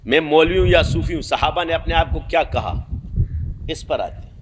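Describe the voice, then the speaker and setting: Male preacher, fairly high voice, delivering a sermon in an emphatic, scolding tone with constant rhetorical questions; faint noise behind. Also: expressive. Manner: rhetorical questions answered himself.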